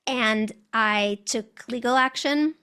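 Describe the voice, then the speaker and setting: A woman's voice: on the high side, slow, sharp tone, clear, resonant tone. A woman with an American accent, a guest telling her story in an interview, articulate and reflective.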